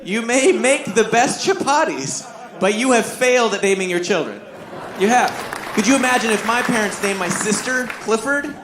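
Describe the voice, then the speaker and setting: A middle-aged man from Canada performing stand-up comedy, telling stories briskly and acting out the voices of people in them. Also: high-pitched, crowd noise, background noise. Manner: lively storytelling, acting out other people's voices. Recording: echoey room.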